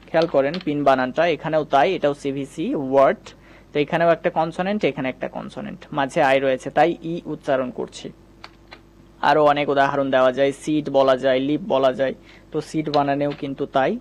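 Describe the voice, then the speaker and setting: A man teaching English spelling sounds in a patient, step-by-step spoken lesson, repeating each rule. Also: a little high. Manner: patient, repetitive, explains step by step.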